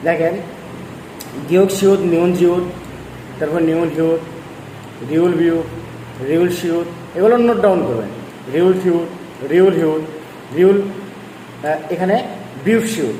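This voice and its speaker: High-voiced male teacher in an echoey room. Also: a little slow, pauses often, dark tone. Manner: repetitive, coaxing explainer. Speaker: language teacher. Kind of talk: online lesson. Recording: echoey room, faint noise.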